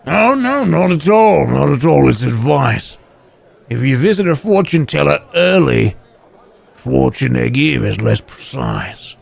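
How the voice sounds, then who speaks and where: Wood golem guard: very gravelly, slow, admonishing game creature. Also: male voice, mid-range voice, lively intonation, heavily acted. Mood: smug, placating. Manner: deliberate, admonishing. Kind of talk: voiced game character on a livestream.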